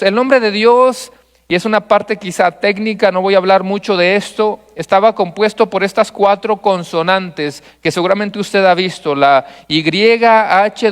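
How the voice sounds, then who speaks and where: A man's voice: high voice, clear, resonant tone. A man from Mexico, a pastor giving an expository sermon in a church, methodically repeating his points and asking the congregation questions. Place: church sanctuary. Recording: long reverb of a church hall.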